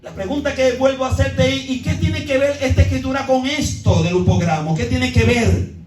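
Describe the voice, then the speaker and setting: A man's voice: very high voice, moderate pace, darkish tone, soft background music. A male pastor teaching a Bible study sermon, questioning the congregation and calling for responses, often repeating and correcting himself mid-phrase. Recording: roomy church sound from a distant mic.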